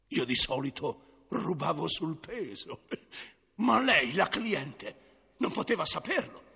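A man's voice: sits high, bright, forceful tone, slightly rough. A man narrating a 1970s radio comedy as a crafty butcher, theatrical and ironic. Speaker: narrator and first-person butcher.

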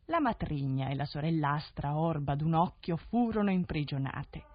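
A woman narrates a fairy tale in an expressive, lilting voice, slightly low with lively pitch and a husky grain. It is a 1970s radio broadcast, and the sound is dull and dry. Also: moderate pace. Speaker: storyteller.

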